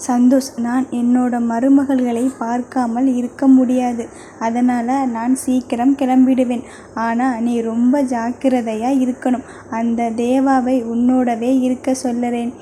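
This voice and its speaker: A woman's voice: on the high side, little pitch movement, unhurried, mellow, slight background noise, close to an everyday voice. A woman voicing a stern, protective young man, an older brother, with blunt, curt replies, in an audio novel reading. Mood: firm.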